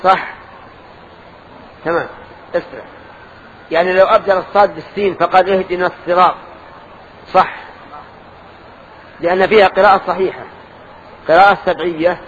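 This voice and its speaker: An older man teaches a lesson in a mosque, asking his students questions and correcting their answers. His voice sits high for a man. The recording is dull and lo-fi, with a faint hiss underneath. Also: fairly even intonation, moderate pace, pauses often, a bit bright. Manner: quizzing students, correcting them, explaining. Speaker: religious teacher.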